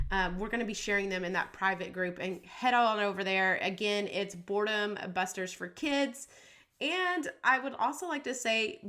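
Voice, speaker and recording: Her medium-pitched voice has a sharp tone and a little scratchiness from allergies as this podcast host offers listeners a cheerful, comforting and talkative pep talk.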